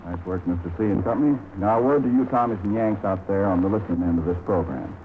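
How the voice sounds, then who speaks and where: A man making a brisk, clipped radio announcement, heard on an old 1940s radio recording. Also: low voice, mellow, faint music behind, low-quality recording.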